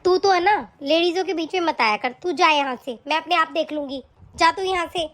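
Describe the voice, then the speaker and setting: A woman voicing a shrill scolding mother-in-law. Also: fairly quick, a bit bright. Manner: harsh scolding, taunting. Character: nagging, scornful middle-aged mother-in-law. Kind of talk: cartoon voice acting.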